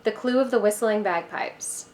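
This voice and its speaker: A woman's voice: mid-range voice, moderate pace, darkish tone. A young woman giving an upbeat, scripted review of a mystery novel. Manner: upbeat, enthusiastic. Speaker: book reviewer.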